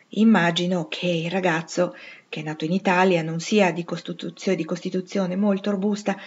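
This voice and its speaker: Woman reading as a calm, wise mother. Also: on the low side, breathy edge, muffled recording. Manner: calm, explanatory. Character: gentle wise mother of four girls.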